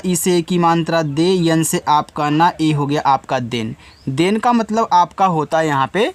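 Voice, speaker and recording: A man teaching beginners to read, patiently spelling words out letter by letter and speaking directly to the student. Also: a little high. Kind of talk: spelling and reading lesson for beginners.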